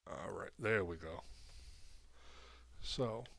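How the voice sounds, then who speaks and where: Sick with a cold and coughing, a man rambles and thinks aloud while setting up a video game on stream. His voice is low, slow, creaky and husky, with a fairly bright tone, and the recording has no echo.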